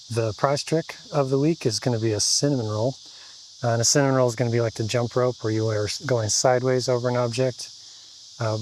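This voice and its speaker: A man's voice: medium pitch, a little hiss or hum, low-quality recording. A man who flies FPV drones, casually walking through trick instructions step by step. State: out of breath. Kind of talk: casual tutorial explanation.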